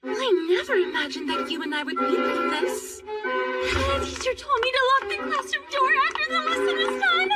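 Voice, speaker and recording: A woman's voice: very high voice, animated, normal speed. A woman playing a scheming, gushing young anime noblewoman in an overacted English dub. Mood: coy, gushing. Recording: distant sound under loud music.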